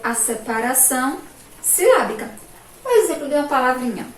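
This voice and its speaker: A woman's voice: high-pitched, lively intonation. A female teacher with a Sergipe Brazilian accent, giving a remote lesson to children and drawing out each syllable emphatically. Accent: Brazilian Portuguese, Sergipe. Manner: slow, drawn-out, emphatic syllables with frequent "ó" and "olha aqui". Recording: echoey room from far off, faint background noise.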